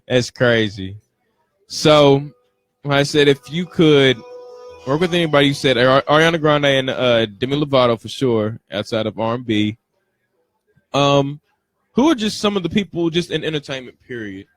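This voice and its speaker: A man's voice: mid-range voice, lively intonation, moderate pace. A man hosting an interview in a casual, encouraging, slangy way, often repeating short affirmations. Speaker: interviewer, show host.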